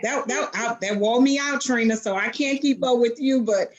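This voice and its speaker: A woman's voice: a little high, normal speed, muffled recording. A woman in her late forties chatting with friends, earnest and reflective. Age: 40s. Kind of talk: casual chat among friends.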